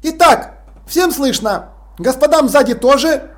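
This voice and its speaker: An earnest, dutiful young watch officer, as a male reader puts him on, speaking eagerly and politely. His voice is light and fairly high for a man. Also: lively intonation, unhurried.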